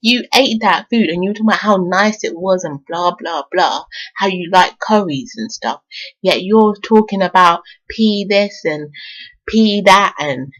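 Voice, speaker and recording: A woman's voice: on the low side, a little slow, fairly bright tone. A woman telling a story from her own life in a casual vlog, laughing often and swearing freely. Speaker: vlogger. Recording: dull lo-fi sound.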